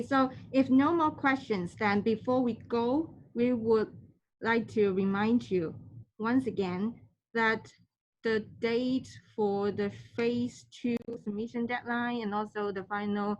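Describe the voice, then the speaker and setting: Over a slightly dull call connection, a woman with a fairly high voice moderates an online question session, sounding polite and formal but somewhat halting.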